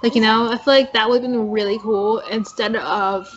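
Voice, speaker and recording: Easygoing woman host, slightly high voice. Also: steady tone, normal speed, muffled recording, a little hiss or hum. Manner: easygoing, hedging with fillers. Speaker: podcast host. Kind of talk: casual TV recap chat.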